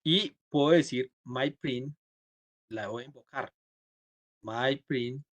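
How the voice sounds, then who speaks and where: A man's voice: mid-range voice, slow pace, no room sound. Man teaching a live coding class. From Colombia. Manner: explains step by step, asks students ¿sí? and ¿cierto?; acts out the computer's replies in quotes. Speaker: programming instructor.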